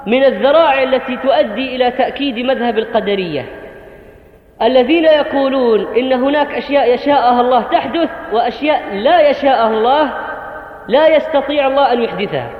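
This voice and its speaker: A man preaching a sermon to the congregation, earnest and instructive, addressing the brothers directly. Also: very high voice. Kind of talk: Friday sermon. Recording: echoey hall, tinny phone-like sound.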